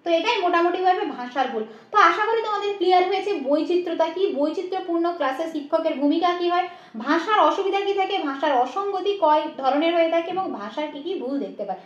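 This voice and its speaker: A woman with a West Bengal accent delivers a rapid, very high-pitched exam-prep lecture. She keeps asking rhetorical questions and checking that her students follow. The room around her is echoey. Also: animated, muffled recording. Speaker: teacher.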